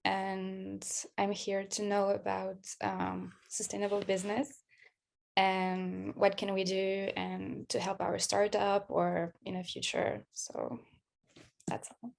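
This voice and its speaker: A woman from Luxembourg, a law student, introducing herself on a video call and trailing off softly. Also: mid-range voice, monotone, slow, creaky. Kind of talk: casual self-introduction.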